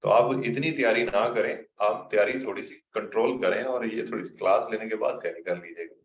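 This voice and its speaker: A man's voice: on the low side, a little fast. A man teaching an online class, patiently reading out students' questions and answering them. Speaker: instructor. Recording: muffled lo-fi recording, roomy echo.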